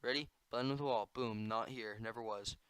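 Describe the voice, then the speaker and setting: A young man giving goofy, excitable commentary while playing a computer game, prone to sudden yelling. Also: medium pitch, moderate pace, smooth, dry recording, rough recording. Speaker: gamer. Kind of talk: gameplay commentary.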